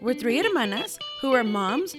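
A woman's voice: fairly high pitch, big pitch swings, over music. A woman co-hosting a podcast, chatting casually and teasing her sister. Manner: teasing, quick interjections. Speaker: podcast co-host. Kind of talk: casual chat.

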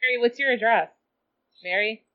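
A woman's voice: fairly high pitch, moderate pace. Woman player on a dull lo-fi line. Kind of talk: playing a tabletop game. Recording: dull lo-fi sound.

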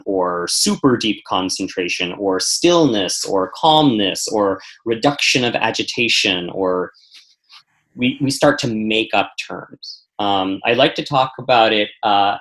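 A man who teaches meditation, patiently explaining ideas in a relaxed interview. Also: on the low side, low-quality recording. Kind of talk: conversational interview answers.

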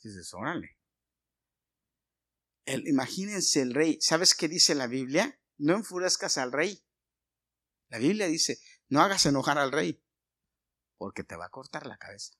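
Mexican preacher telling a Bible story. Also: male voice, fairly high pitch, big pitch swings. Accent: Mexican Spanish. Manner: storytelling with many pauses, swings from hushed to loud. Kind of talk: sermon.

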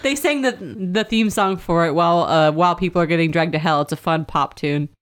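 A woman's voice: lowish voice, brisk, clean tone. A young woman co-hosting a comedy podcast, rambling and giggling through casual chat with lots of fillers. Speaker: podcast co-host.

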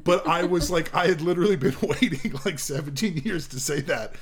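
Man, twenties, podcast co-host, casual chat, animated, laughs often. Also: a little fast, husky. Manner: animated storyteller, laughs often, acts out lines in a high voice. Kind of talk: casual chat about an old movie.

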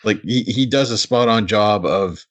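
Recapping an episode, a man co-hosts a podcast in a casual chat, laughing often and restarting his sentences. His voice is lowish, unhurried, and fairly bright in tone.

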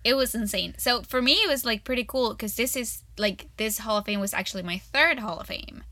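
A bubbly young woman co-hosts a casual student podcast, gushing and tossing in fillers. Her voice is fairly high and bright. The sound is close and dry. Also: a little fast, no room sound. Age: young adult. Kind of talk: casual chat.

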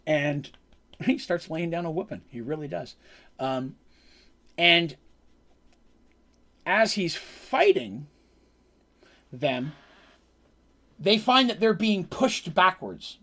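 A man's voice: on the high side, expressive, slow pace, creaky, long pauses, a bit bright. A man telling how a tabletop game session played out, as its game master, in a rambling way with frequent ums and self-corrections.

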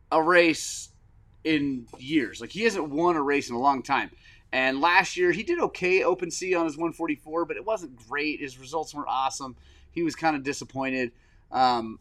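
Casual podcast host, middle-aged man, somewhat high voice, excitable and swinging between loud and soft. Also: moderate pace. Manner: excitable storyteller, swings from loud enthusiasm to choked-up softness. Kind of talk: casual chat.

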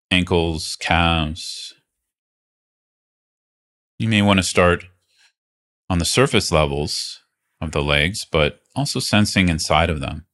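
Here a meditation teacher, a man with a very deep voice, guides listeners gently and reassuringly. His pace is unhurried, with space left between each phrase.

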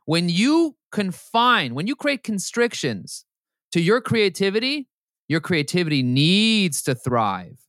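A man speaking as a podcast guest, talking in an emphatic, motivational way that builds into animated preaching. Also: sits high, slow, dry recording, studio quality. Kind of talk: podcast interview. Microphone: podcast microphone.

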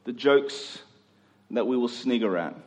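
This is a Queensland preacher whose mid-range, slightly mellow voice has lively intonation and a measured pace. He delivers an earnest, conversational sermon to a congregation in a large room, repeating phrases for emphasis, amid an echoey hall's long reverb.

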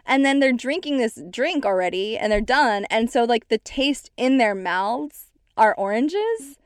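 A woman's voice: on the high side, lively intonation, measured pace, clean tone, no room sound, clean studio sound. A young woman co-hosting a podcast, chatting casually and retelling a show with lots of "like". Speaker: podcast co-host. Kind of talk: casual chat recapping a reality show.

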